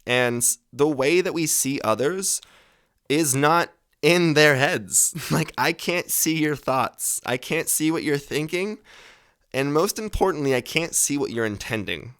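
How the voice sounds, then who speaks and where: Speaking without hurry, this podcast host in his twenties has a fairly high, animated voice with a fairly bright, clean tone. His advice comes as a loose, rambling monologue full of casual swearing and self-corrections.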